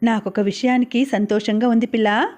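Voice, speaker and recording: A woman voicing a kind young father in an audiobook, speaking calmly and warmly to his family. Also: a little high, normal speed, close to an everyday voice.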